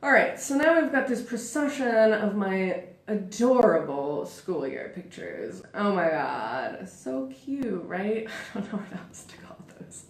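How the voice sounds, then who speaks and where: A woman in her thirties talks through her childhood as a live show host, chatty and theatrical, often poking fun at herself. Her voice sits in a middle pitch. The sound is roomy, with the space ringing around her. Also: animated, unhurried, hardly any pauses. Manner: theatrical and self-mocking; chatty, with frequent "like" and "super". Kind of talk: live personal monologue. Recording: roomy echo.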